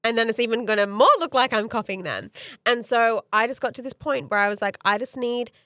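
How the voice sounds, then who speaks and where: A woman's voice: fairly high pitch, fairly quick, fairly bright tone, no echo, clean studio sound. A woman, a coach on a podcast, talking reflectively and acting out her own past thoughts. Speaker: guest coach. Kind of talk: casual interview chat.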